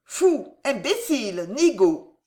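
A woman's voice: a little high, sing-song, unhurried. Lady reading as a hot-headed gallant suitor, all drama and pleading, voice swoops up and down. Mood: furious. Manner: theatrical, impassioned, pleading. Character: excitable fawning young gentleman suitor.

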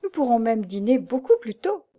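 A woman's voice: fairly high pitch, sing-song, normal speed, mellow, voice pushed up. A woman reading the lines of a chatty young seamstress in an audiobook, lifting her voice a little.

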